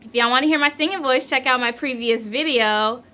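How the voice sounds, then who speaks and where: A woman in her twenties from Central New Jersey with a light local accent, chatting playfully about herself in a casual vlog, laughing often and filling pauses with ums. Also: sits high, pushed and bright. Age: 20s. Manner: says she is shy. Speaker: vlogger. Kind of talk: casual chat answering tag questions.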